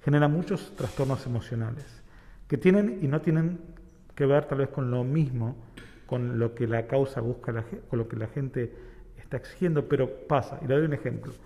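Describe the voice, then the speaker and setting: A man from Argentina with an Argentine accent, a rabbi guest calmly explaining ideas with everyday examples and parables. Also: mid-range voice, normal speed, long reverb tail. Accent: Argentine Spanish. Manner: reflective, uses homely examples and parables. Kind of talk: explanatory talk-show conversation.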